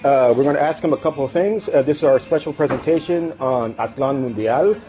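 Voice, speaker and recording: A man's voice: mid-range voice, a little fast, warm tone, low-quality recording. A man doing a comic special report, hamming up his intro and then interviewing a worker in a taco shop with plenty of fillers. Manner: hammy announcer tone in the intro, loose with fillers when interviewing. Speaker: writer and roving reporter.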